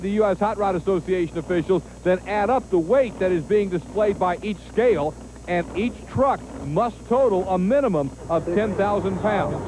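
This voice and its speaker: A man with a high-pitched voice announces in the manner of a tractor pull and monster truck commentator. His delivery is emphatic and promotional, like a motorsport TV host at work. The recording is noisy, with engines behind him. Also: a little mellow. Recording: noisy TV audio with engine noise.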